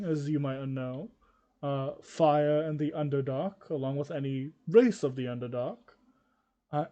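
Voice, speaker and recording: A mild old scholar played by a man in a tabletop role-play. He explains things haltingly, with hesitations and small coughs, in a fairly high-set male voice. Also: warm tone, close to an everyday voice. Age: older.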